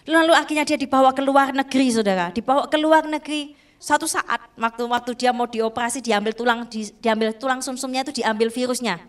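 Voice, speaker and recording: A woman's voice: high-pitched, a little fast. A woman preacher with an Indonesian accent, telling a testimony in an emotional sermon and often calling out to her listeners. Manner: emotional storytelling, often addressing listeners as "saudaraku".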